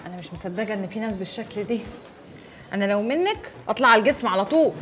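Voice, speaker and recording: A woman's voice: mid-range voice, lively intonation, racing, a bit bright, faint music behind, close to an everyday voice. An actress with an Egyptian accent playing a naive, earnest young woman friend.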